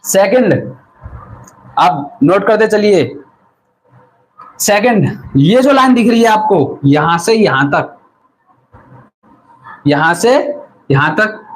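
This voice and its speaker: A man with a fairly high voice teaches a physics class during an online stream. He asks a question, then answers it himself and says the term again for the viewers to note down. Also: lively intonation, takes it slowly, long pauses, low-quality recording. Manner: repeats key terms and quizzes the viewers. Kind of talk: live online lesson.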